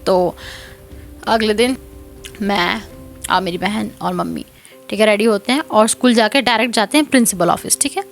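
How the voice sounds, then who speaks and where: A young woman telling a personal story in a chatty, animated way, often laughing and mixing in English words. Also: a little high. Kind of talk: casual storytime narration.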